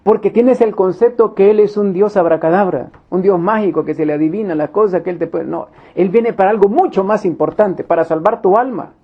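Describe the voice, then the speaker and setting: Emphatic high-voiced preacher man. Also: brisk, few pauses. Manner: emphatic, repeats key phrases, acts out little quoted scenes. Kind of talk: Bible study teaching. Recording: dull lo-fi recording.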